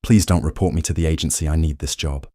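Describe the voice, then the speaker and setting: A man's voice: rumbling low, steady tone, quick pace, a little mellow, no echo, clean studio sound. A man voicing a frightened young woman working as a maid, pleading and stammering.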